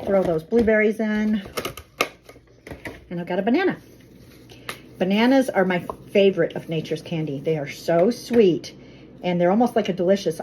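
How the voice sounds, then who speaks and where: Making fruit water in her home kitchen, a Colorado vlogger with a medium-pitched voice talks in a relaxed, friendly way. The background is noisy, and she keeps chatting the whole time she cooks.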